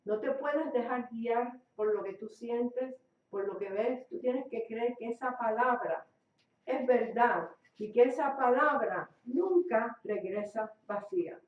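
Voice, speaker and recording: A woman's voice: fairly high pitch, takes it slowly. A woman preaching a sermon for a radio program, speaking emphatically and repeating key phrases. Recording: echoey, distant, dull lo-fi recording.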